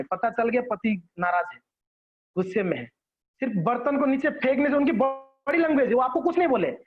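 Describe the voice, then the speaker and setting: Guy w a high voice teaching a devotional class, chatty, keeps checking u follow, muffled lo-fi sound. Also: breathy edge. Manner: conversational teaching with frequent check-ins and acted examples. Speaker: devotional lecturer. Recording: dull lo-fi recording.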